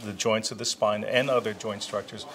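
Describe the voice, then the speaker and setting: A man's voice: fairly low pitch, steady tone, a bit bright. Hesitant retired man in his sixties. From born in Israel, raised in New Jersey. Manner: unhurried, hesitant, many fillers and restarts. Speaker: interviewee, retired chiropractor. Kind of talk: casual interview answers.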